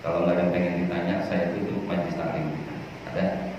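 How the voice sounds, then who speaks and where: A middle-aged man giving a lively, conversational religious talk to a congregation. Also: deep voice, brisk, background noise. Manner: lively, chatty, addresses congregation often. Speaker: preacher. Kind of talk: religious lecture. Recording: echoey distant lo-fi hall recording.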